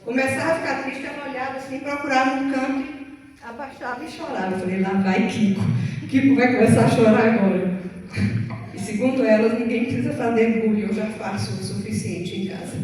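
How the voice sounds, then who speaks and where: A woman's voice: fairly high pitch, far from the mic, a little hiss or hum. Brazilian lady preaching to teens, chatty and jokey, big echoey hall with a long reverb. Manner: playful, chatty, acts out quotes. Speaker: youth service speaker. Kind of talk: sermon to teenagers. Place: church hall.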